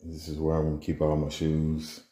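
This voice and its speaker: A man's voice: very deep voice, completely flat delivery, a little fast, warm tone. A young man vlogging casually at home in his apartment, rambling in slang while moving furniture and a bit out of breath. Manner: laid-back, rambling with slang and restarts. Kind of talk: casual vlog chat. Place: apartment bedroom, indoors.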